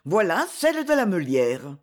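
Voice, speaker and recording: A woman's voice: lowish voice, big pitch swings, normal speed, a little mellow. A woman reader voicing a kindly, plain-spoken older farmer who talks in a simple, hearty country way. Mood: hearty, welcoming. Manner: simple, hearty rural speech.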